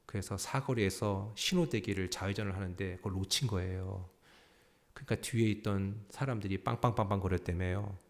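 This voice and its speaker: A man preaching a sermon as senior pastor, animated and joking, often quizzing the congregation. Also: lowish voice.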